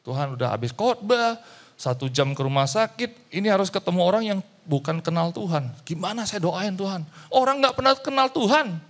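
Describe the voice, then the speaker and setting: A male pastor telling a story in a sermon, acting out the dialogue and slipping into English phrases. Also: sits high.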